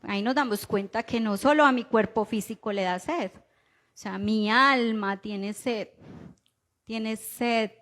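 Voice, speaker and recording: A woman with a Colombian accent preaching a sermon in a conversational way, often checking in with the listeners through quick rhetorical questions. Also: fairly high pitch, fairly bright tone. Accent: Colombian Spanish. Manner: conversational preaching, frequent rhetorical "¿cierto?" tags.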